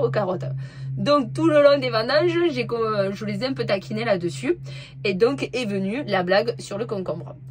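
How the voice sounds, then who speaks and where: A woman winegrower, chatting in a hesitant way with lots of fillers while outdoors in a vineyard. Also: on the high side. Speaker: winegrower vlogger. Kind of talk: casual vlog chat.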